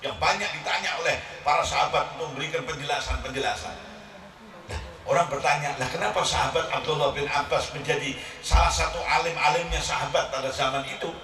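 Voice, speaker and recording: A male preacher giving an animated, humorous sermon at a gathering, mixing in regional words and shouting his punchlines. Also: on the high side, fast talker. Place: large hall with audience. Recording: echoey hall recording from far off, audience noise.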